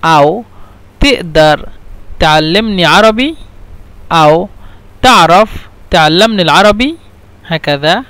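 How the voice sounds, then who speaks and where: In a high, expressive, slightly bright voice that is clear and resonant, a male Arabic teacher leads a lesson with no room sound. He slowly repeats every phrase multiple times, switching between dialect, standard Arabic and English to explain it.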